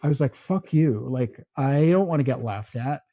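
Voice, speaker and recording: A Filipino man whose first language is Tagalog co-hosts a podcast, chatting casually but speaking slowly and haltingly, with many restarts. His mid-range voice is expressive and warm, and the recording has no echo.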